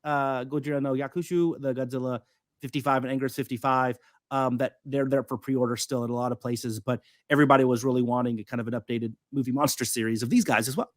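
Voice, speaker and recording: A man's voice: medium pitch, steady tone, fast, no room sound. Rambling, upbeat man with a dry sound. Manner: rambling, enthusiastic, many fillers. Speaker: podcast co-host. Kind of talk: casual chat.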